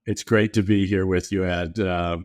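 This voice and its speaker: A middle-aged man talking easily as a podcast guest, explaining at length in a relaxed way. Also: low voice, normal speed, dry recording, clean studio sound. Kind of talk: casual interview talk.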